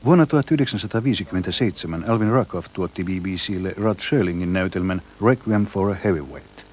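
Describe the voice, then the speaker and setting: Fast deep-voiced documentary narrator. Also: male voice, expressive, a little mellow, a little hiss or hum. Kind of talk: scripted narration. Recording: voice-over with faint music.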